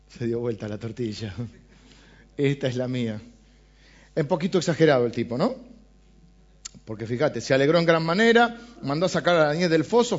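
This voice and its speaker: An Argentine preacher explains a Bible passage in a casual, chatty sermon, often turning to his listeners with questions. His voice sits a bit high for a man. The recording is dull and lo-fi. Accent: Argentine Spanish.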